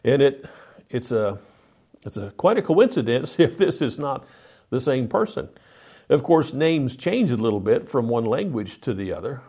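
A man of mid pitch leads a Bible study lesson. He explains each slide step by step and lifts his voice to read the scripture passages aloud. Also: a little mellow, slightly rough. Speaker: Bible teacher.

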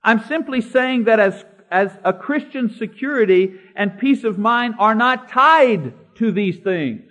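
A man preaching a sermon, slowing down to stress key words and citing scripture by chapter and verse. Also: sits high, lively intonation, a bit bright. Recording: dull lo-fi recording.

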